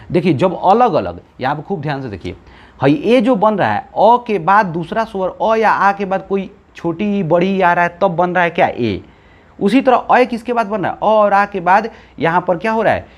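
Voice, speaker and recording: A man with a Bihari Hindi accent teaching Hindi grammar, asking the class questions, answering them himself and repeating key points. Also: high voice. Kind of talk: classroom-style lesson.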